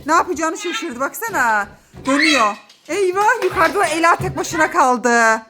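Young woman, family vlogger at home; very high, bouncy voice, excitable and quick to squeal and laugh. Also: music in the background. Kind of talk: casual family vlog. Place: indoors at home.

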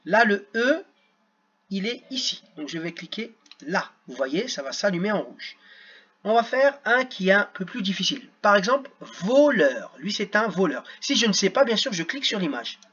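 Husky man teaching children slowly. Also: sits high, very animated, pushed and bright, dull audio. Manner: slow, sounds out words syllable by syllable. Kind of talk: screen-recorded lesson for children.

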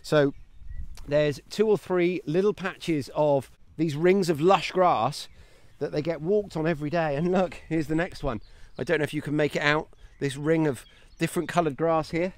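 Walking through a grassy paddock outdoors, a man in his thirties who hosts a homesteading channel vlogs with chatty enthusiasm, pointing things out and offering mushroom foraging tips. He talks at a normal speed in a voice on the high side, captured on a phone at arm's length with no echo.

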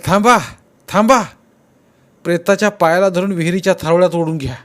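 A middle-aged police constable calls out urgent orders, as a male narrator acts him out. His voice goes up and gets loud and pressing. It is a storybook voice. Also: on the high side, brisk, pitched above the performer's own voice, close to an everyday voice. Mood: urgent commands.

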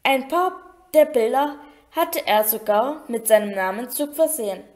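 A woman reading a storybook aloud in an expressive way. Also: fairly high pitch, a little slow. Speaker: audiobook reader.

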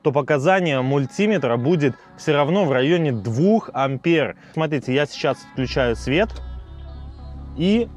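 A man in his thirties with a slightly high voice and a burry r explains things step by step. He talks to viewers like friends in a how-to car vlog, with faint music playing behind him. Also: lively intonation, unhurried. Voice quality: burry, non-standard r sound. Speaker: car repair vlogger. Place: outdoors in a residential yard beside a car.

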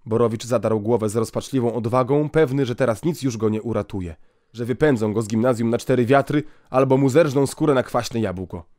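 A man narrating an audiobook in a steady, clear storytelling voice. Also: mid-range voice, fairly quick, no room sound, clean studio sound.

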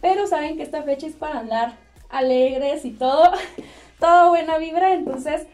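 Young Mexican woman fashion vlogger, high mellow voice, chatty and upbeat, mic a touch distant. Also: normal speed. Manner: cheerful, chatty, laughs often. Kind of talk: casual chat to camera. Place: small indoor room with clothes rack.

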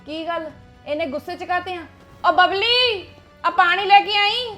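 A woman's voice: high voice, fairly quick, faint music behind, natural voice. A woman playing a fussing worried mother. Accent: Punjabi. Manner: fussing, soothing. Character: worried mother of a grown son.

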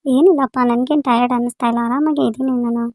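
A married daughter home on a visit , played by a woman, talks politely at a very fast clip. Her voice sits fairly high and stays even, recorded dry and close. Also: no room sound. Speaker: daughter in a family skit. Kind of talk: amateur village family skit.

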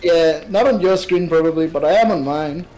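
A man chatting casually and joking while playing a game with friends, shouting short bursts during the action. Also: a little high, moderate pace, soft background music, poor audio. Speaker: co-host gamer. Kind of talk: casual gaming chat.

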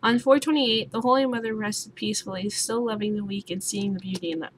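A young woman playing a puzzle game and thinking out loud, swearing often and sounding sleepy. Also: mid-range voice, steady tone, fairly quick. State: sleepy, just woke up. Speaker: gaming YouTuber. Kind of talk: let's play commentary. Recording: noisy home recording with keyboard sounds.

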